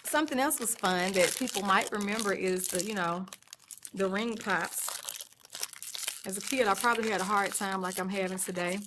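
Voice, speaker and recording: A woman, telling her life story on stage in short, reflective, halting phrases. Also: medium pitch, noisy background. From Atlanta, Georgia, USA. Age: 40s. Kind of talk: personal storytelling monologue.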